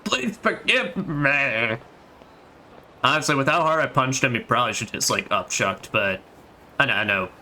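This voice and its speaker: A man's voice: mid-range voice, lively intonation, brisk, sharp tone, slight background noise. A man casually commenting while playing a game, chatty and joking, often breaking off mid-sentence. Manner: chatty, joking, self-interrupting. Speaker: streamer. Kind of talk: let's play commentary.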